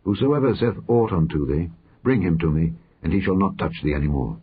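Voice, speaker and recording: A man's voice: low-pitched, expressive, brisk, slightly rough. A man reading aloud drops his voice for a weary, grave king. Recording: muffled phone-like audio.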